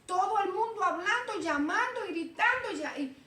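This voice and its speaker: A woman preaching an informal sermon, lively, acting out Bible voices and calling the listeners "brother". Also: very high-pitched, moderate pace. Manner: animated, acts out Bible voices, calls listeners "hermano". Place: church. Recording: echoey room, heard from a distance.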